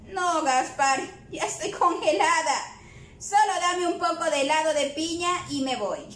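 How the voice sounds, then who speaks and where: High fretful cow lady, whiny and stubborn, a woman putting her on, echoey room. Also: animated, measured pace, fairly bright tone. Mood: protesting. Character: fussy young female cow, stubborn and fretful.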